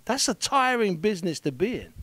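A man's voice: high voice, sing-song, brisk, a bit bright, no room sound. An older British man interviewing a boxer in a locker room, talking emphatically and piling on praise. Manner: emphatic, rising to fervent praise. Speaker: radio sports interviewer. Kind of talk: post-fight interview. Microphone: handheld mic.

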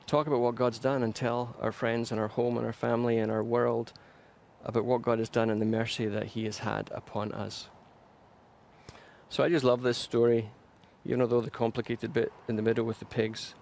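A man's voice: mid-range voice, flat delivery, normal speed, vocal fry, a little mellow, slight background noise. A male pastor preaching a sermon, earnest and emphatic, building momentum through repeated phrases. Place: church.

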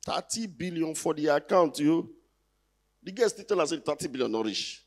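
With a slightly high, expressive voice at a moderate pace, a Nigerian man in his thirties performs conversational stand-up. Holding a stage mic in a large indoor theatre, he ribs the audience with rhetorical questions.

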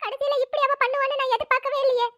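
Cartoon VO: very high-pitched, rapid woman playing village mothers, scolding and melodramatic. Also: level tone, bright, forceful tone, no room sound, studio quality. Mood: pleading. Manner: quick, scolding, dramatic wailing. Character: middle-aged village women, mothers and grandmother. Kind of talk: Tamil cartoon voice acting.

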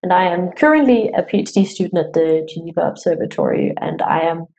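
A woman's voice: lowish voice, very animated, brisk, gravelly, mellow, dull audio. A young woman from Denmark, giving an online talk as a PhD student, friendly and tired, with many fillers and restarts. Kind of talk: online presentation. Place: home room.

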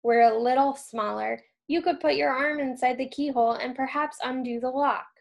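A woman's voice: high-pitched, steady tone, moderate pace, creaky. A woman voicing a hopeful, pleading young girl in a storybook reading.

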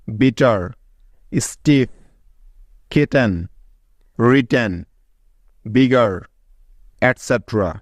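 A man teaching English reading in a measured, scripted narration, counting off each rule and reading out lists of example words. His voice is smooth and clean at a middle pitch. The recording is dry and close, with no room sound. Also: no room sound.

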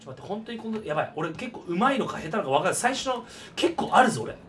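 A man giving excitable gameplay commentary with loud, shouted reactions. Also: sits high, racing, far from the mic, faint music behind. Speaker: gaming YouTuber.

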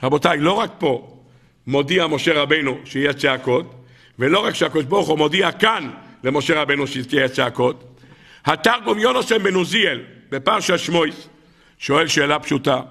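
Gravelly, bright-voiced rabbi preaching. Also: male voice, a little high, animated. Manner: dramatic storytelling preacher, rises to loud exclamations. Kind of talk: weekly Torah sermon.

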